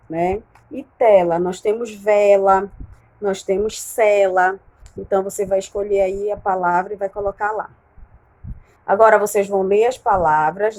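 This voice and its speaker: A woman's voice: medium pitch, a little mellow, low-quality recording. A woman with a Brazilian Portuguese accent, a primary school teacher recording a remote lesson and patiently walking young pupils through worksheet exercises, drawing out key words and checking in often. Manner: patient, slow over key words, frequent "né?" and "certo?" checks.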